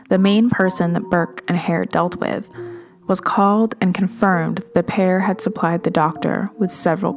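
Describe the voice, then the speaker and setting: A woman podcast host narrating a true-crime story in a measured, steady way. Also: fairly low pitch.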